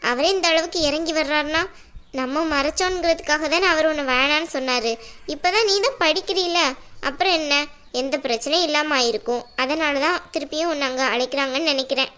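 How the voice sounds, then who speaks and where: A woman voicing a caring younger sibling in a cartoon, asking gentle, concerned questions. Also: sits high. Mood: coaxing. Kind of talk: cartoon voice acting.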